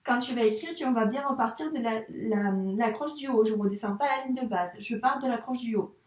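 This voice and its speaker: A primary school teacher, a woman, guiding a young child through a handwriting lesson in a patient, encouraging way, saying each sound slowly as she writes. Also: on the high side. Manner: says sounds slowly while writing. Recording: echoey room, mic at a distance.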